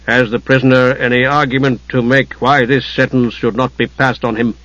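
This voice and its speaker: A man's voice: medium pitch, level tone, moderate pace, fairly bright tone, dry recording, natural voice. A man doing a cold, formal lord. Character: cold unrelenting male lord and judge. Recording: dull dry recording.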